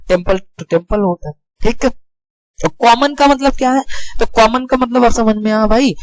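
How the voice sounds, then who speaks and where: A man's voice: high voice, a little hiss or hum, low-quality recording. A man teaching grammar to students in a casual, chatty way, asking the class questions and answering them himself while repeating key words.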